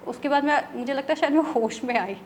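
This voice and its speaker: A tarot reader from Odisha, India, speaks as an interview guest, telling a story in a chatty way while mixing in English words and checking in with her listener. Her voice is high-pitched and fast, with a little hiss or hum in the recording.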